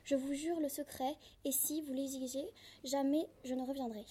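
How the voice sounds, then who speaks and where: A woman's voice: high-pitched, fairly even intonation, normal speed, warm tone, close to an everyday voice. Woman reading as a passionate young noblewoman. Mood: ardent.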